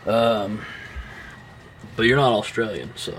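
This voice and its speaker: A man's voice: lowish voice, takes it slowly, fairly bright tone, a little hiss or hum. A young man co-hosting a podcast, talking through a film in a rambling, casual way with lots of fillers and restarts, swearing now and then. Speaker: podcast co-host.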